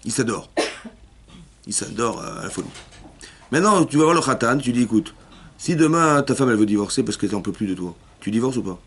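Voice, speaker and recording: Rabbi guy teaching a class for women, talks super fast, keeps asking if you got it, mid pitch. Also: animated, slight background noise. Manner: rapid, repetitive, often checks if listeners understood; acts out dialogues within his explanations. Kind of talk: Torah lesson for women.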